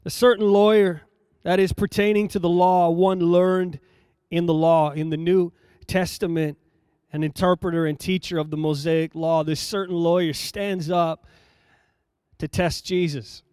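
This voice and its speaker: High-voiced man preaching a measured sermon. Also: fairly even intonation, a little mellow, clear, resonant tone, no room sound, clean studio sound. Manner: measured, emphatic, repeats phrases for effect. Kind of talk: sermon reading and explaining scripture.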